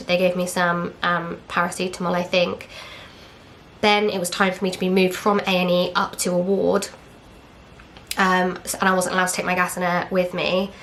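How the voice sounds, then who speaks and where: A woman's voice: fairly low pitch, fairly bright tone, slight background noise. A young woman from England, candidly telling a personal story in casual chat, acting out what others said. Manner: candid, chatty, retells with quoted dialogue and fillers. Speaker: vlogger.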